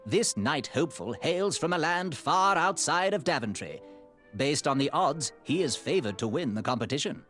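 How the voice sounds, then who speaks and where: A man's voice: a little high, animated, normal speed, fairly bright tone, soft background music. An actor playing an officious, showy male tournament examiner in a video game.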